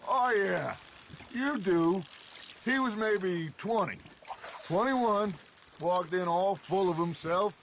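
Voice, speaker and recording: Brief: a gravelly veteran outlaw, high but raspy voice, very slow, nostalgic. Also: male voice, fairly bright tone, a little hiss or hum, heavily acted.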